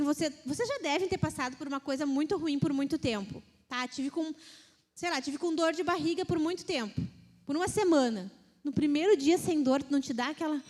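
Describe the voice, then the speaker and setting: Woman, Brazilian accent, high voice, lively casual sermon, long hall reverb. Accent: Brazilian Portuguese. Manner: lively, mimics complaining voices. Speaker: women's ministry speaker. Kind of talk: casual sermon to a women's group. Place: church hall.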